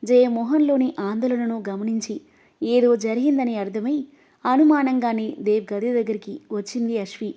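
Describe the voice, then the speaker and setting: A woman reading an emotional novel aloud as narrator, voicing every character herself and getting louder in the angry lines. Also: a little high, normal speed. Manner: reads all the characters, her voice rising louder in angry lines. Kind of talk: scripted story narration. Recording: dull, lo-fi audio.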